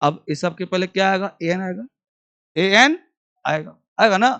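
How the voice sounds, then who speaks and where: A high-voiced man teaches a beginners' grammar class. He keeps asking the class questions and answering them himself. He repeats each phrase slowly so students can copy it down. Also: pushed and bright.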